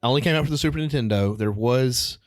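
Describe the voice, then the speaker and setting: A man's voice: medium pitch, fast talker, no room sound, studio quality. A man in his thirties co-hosting a podcast, chatty and upbeat, laughing easily in casual chat. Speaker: podcast co-host.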